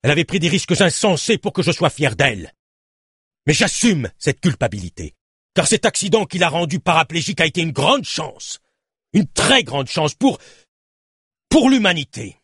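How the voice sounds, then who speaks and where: A man's voice: fairly low pitch, a little fast, slightly rough, no echo, studio quality. A man voicing a fervent male president who sacrifices everything for humanity, speaking in an impassioned, pleading way.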